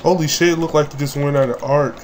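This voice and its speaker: A man with a somewhat high voice calls out a video game as he plays, swearing freely and jumping into loud yelps. He sits at a home desk mic with soft keyboard clicks in the background. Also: steady tone, fast talker, slight background noise. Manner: crude, profane, with sudden loud outbursts. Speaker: gaming channel host. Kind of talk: let's play commentary.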